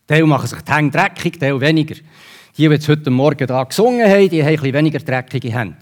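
A man from Switzerland with a Swiss German accent, preaching a sermon in a conversational, lively way. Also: on the high side, quick pace.

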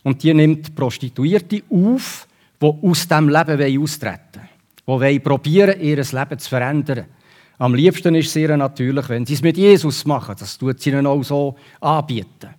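A man from Switzerland with a Swiss German accent, preaching a sermon in a conversational, lively way. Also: fairly high pitch, normal speed.

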